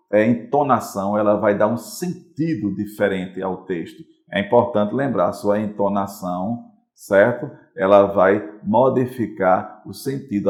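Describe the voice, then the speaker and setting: A man's voice: fairly low pitch, echoey room. A Brazilian Portuguese-speaking male teacher giving a recorded online class, explaining patiently and often checking in with the students. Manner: explanatory, repeats points, checks in with "certo?".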